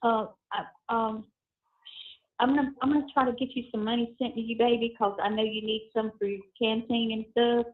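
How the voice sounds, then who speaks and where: A woman's voice: fairly high pitch, little pitch movement, brisk. A middle-aged woman, talking in a folksy, familiar way on a family phone call. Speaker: relative receiving an inmate's call. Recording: tinny narrow phone line.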